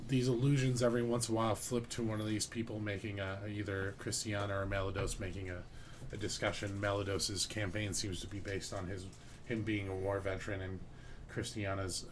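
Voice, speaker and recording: A man's voice: fairly low pitch, noisy background. A man narrating as game master of a tabletop role-playing game, describing scenes loosely with many fillers.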